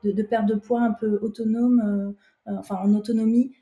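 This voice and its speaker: A woman with a very warm, dark voice interviews a client for a diet program. She sounds reassuring and pauses often with fillers. Her voice carries a clear room echo. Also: on the high side, level tone. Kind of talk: informal interview.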